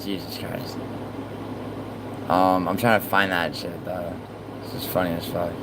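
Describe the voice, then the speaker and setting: A man's voice: sits low, flat delivery, a little slow, noisy background. A man hosting a casual livestream, chatting with viewers and swearing often as he rambles and trails off mid-sentence. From born in Italy, raised in New York. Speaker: livestream host. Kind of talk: casual livestream chat, reading viewer messages.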